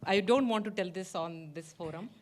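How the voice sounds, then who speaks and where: A woman's voice: fairly low pitch, normal speed, darkish tone. A woman with a North Indian, Punjabi-tinged accent, speaking as an author in a live panel conversation. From Chandigarh, India.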